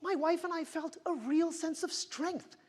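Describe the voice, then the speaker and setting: A woman giving a dramatic competitive motivational speech, projecting loudly to the room with theatrical emphasis and deliberate pauses. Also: very high-pitched. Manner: loud stage projection in emphatic passages. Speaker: contest speaker.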